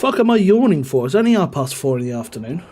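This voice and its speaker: A man's voice: on the high side, big pitch swings, fast talker, background noise. A man chatting casually on a gaming live stream, rambling and answering his chat.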